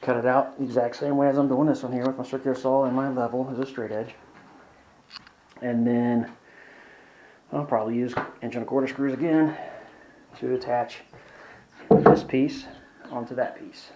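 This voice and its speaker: A man's voice: mid-range voice, fairly even intonation, normal speed, pauses often, mellow, muffled recording, a little hiss or hum. A young man chatting casually while building in a hot workshop, out of breath, rambling and self-deprecating, swearing when frustrated, filmed on a handheld camera. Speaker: woodworking vlogger.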